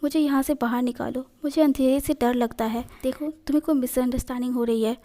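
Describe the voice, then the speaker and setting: A frightened young man who begs to be let go, as a woman reads him. The voice is fairly high, with a dark, mellow tone. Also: fairly even intonation, a little fast, natural voice. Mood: scared. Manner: pleading and fearful.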